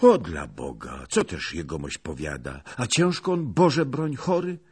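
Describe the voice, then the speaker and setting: A man voicing a chubby, excitable young male servant in an audiobook. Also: medium pitch, measured pace, husky, pitched above the performer's own voice, exaggerated voice. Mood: eager. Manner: excited, exclaiming.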